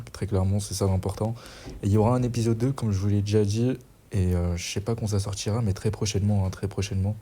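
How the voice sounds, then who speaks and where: A man's voice: fairly low pitch, mellow, breathy edge. A young man giving casual, chatty gameplay commentary as a gaming YouTuber, self-mocking and slangy.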